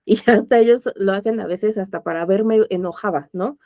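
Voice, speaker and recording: A woman's voice: medium pitch, fairly quick, warm tone, no room sound. Mexican woman teaching, dull dry audio. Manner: conversational, checks understanding with tag questions. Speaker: course instructor. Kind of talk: informal online lesson.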